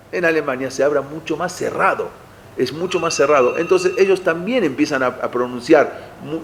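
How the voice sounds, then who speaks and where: Male lecturer, slightly raised pitch, chatty question-and-answer teaching style. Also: a bit bright. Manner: conversational, asks the audience rhetorical questions, frequent "eh" and restarts. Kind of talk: explanatory lecture.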